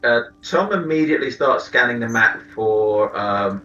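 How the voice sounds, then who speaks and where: A man playing a tabletop game, talking quickly and stammering at times. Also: medium pitch, lively intonation, sharp tone, echoey room, distant mic, highs cut off. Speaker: player.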